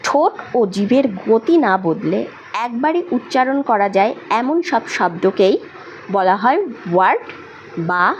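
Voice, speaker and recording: A woman's voice: mid-range voice, slight background noise, rough recording. Woman teacher explaining with frequent check-ins. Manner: mixes English terms into Bengali, checks in with "okay?"; slow, dictating pace for definitions. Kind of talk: explanatory lesson for children.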